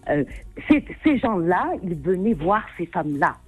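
A woman's voice: fairly low pitch, big pitch swings, unhurried, phone-quality sound, soft background music. A woman calling a radio show to give her opinion earnestly and emphatically, often repeating phrases. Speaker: radio phone-in caller. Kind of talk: earnest casual opinion talk.

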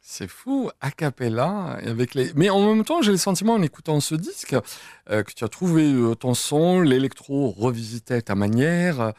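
A man's voice: medium pitch, very animated, moderate pace, a little mellow, no room sound, clean studio sound. A man interviewing a singer, asking long, rambling, chatty questions. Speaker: radio interviewer.

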